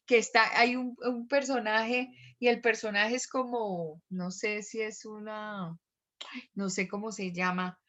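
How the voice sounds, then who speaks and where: Woman teaching online; chatty, animated, high and bright. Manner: chatty, animated, asks students questions. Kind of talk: online class lecture.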